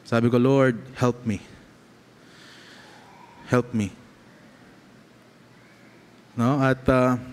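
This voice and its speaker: Preaching man with a Filipino accent in a reverberant church. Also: medium pitch. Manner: mixes Tagalog and English, frequent "okay?" checks to the congregation. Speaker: pastor. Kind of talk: sermon with personal testimony. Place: church sanctuary. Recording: long reverb of a church hall.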